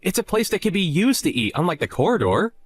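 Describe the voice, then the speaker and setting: A man's voice: high voice, sing-song, fast talker, breathy edge, full character voice. A man voicing Justin, a young husband who argues defensively and indignantly in a dramatized chat story.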